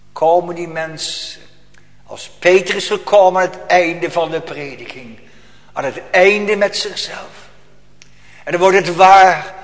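Male pastor, high-pitched, solemn and emphatic sermon delivery, reverberant church hall. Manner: solemn, emphatic pulpit preaching.

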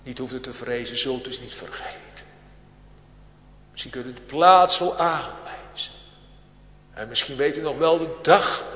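Slow, solemn male preacher in an echoing church. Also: mid-range voice. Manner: solemn preaching cadence, swelling and dropping in loudness; addresses the congregation directly with archaic biblical phrasing. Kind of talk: sermon. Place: large church. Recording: echoey church hall with long reverb.

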